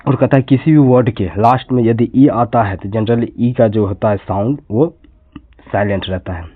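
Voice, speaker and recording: Male tutor, patient spell-and-repeat delivery, middle pitch, lo-fi phone sound. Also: moderate pace. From India. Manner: spells words letter by letter, then repeats and explains each. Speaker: teacher. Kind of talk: spoken lesson. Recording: tinny phone-quality audio.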